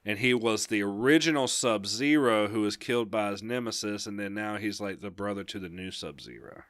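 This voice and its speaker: A young man co-hosts a casual gaming podcast in a lowish voice. He rambles enthusiastically through the news with easy laughs. The sound is close and dry. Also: lively intonation, brisk, fairly bright tone, dry recording. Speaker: podcast co-host.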